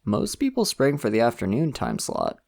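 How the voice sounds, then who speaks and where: A young man acts out a friendly, slightly shy college student for an ASMR roleplay, easygoing, soft-spoken and chatty, laughing often. His heavily acted, medium-pitched delivery swoops wildly in pitch, with vocal fry at a moderate pace.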